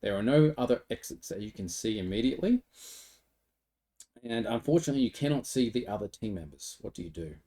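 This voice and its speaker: A man narrating a tabletop game as game master, easygoing and quick to laugh. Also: medium pitch, expressive, mellow. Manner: easygoing, laughs between descriptions.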